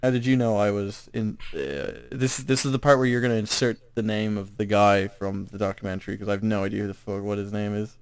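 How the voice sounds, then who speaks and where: A man with a low voice, chatting on a casual podcast. He trades dry, hesitant retorts with his co-hosts. The sound is close and dry, with no room echo. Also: flat delivery, brisk, few pauses, clean tone. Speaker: podcast co-host. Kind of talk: casual chat.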